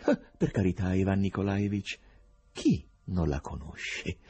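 A man voicing a mysterious foreign stranger who speaks low and slowly, calm and ominous. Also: slightly rough, muffled recording, exaggerated voice. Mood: calm, knowing.

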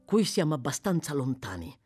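A woman voicing a formal, measured older gentleman in a story reading. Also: low voice, big pitch swings, slightly rough, soft background music, exaggerated voice. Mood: grave.

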